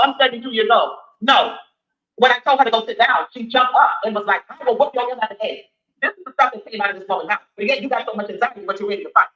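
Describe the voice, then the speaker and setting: A woman's voice: on the high side, a bit bright. Emphatic woman in her sixties, roomy lo-fi. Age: 60s. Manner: emphatic, repetitive, defensive. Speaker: city council candidate. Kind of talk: interview answers.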